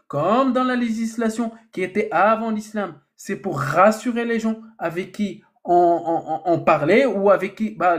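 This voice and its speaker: A man hosting a heated live debate, arguing in a deliberate way and slowing down to quote scripture. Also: high voice. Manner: argumentative, slow and deliberate when quoting scripture.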